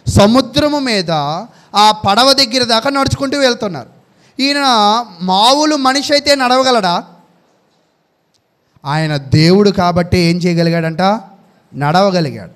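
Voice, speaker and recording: High-voiced man preaching a sermon. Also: fairly bright tone. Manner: asks questions and answers them himself; reads out Bible verses.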